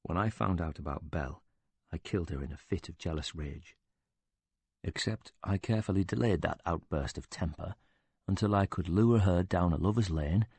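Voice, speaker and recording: A man voicing a bitter, quick-tempered older widower who talks with indignant sarcasm and swears freely. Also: sits low, darkish tone, slightly rough.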